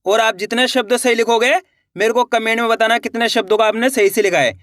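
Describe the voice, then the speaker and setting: A man teaching children to write words, drilling each word slowly and repeating it back and forth. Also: extremely high pitch, fairly even intonation, fairly bright tone, dry recording, clean studio sound. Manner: addresses viewers as friends. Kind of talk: children's Hindi writing lesson.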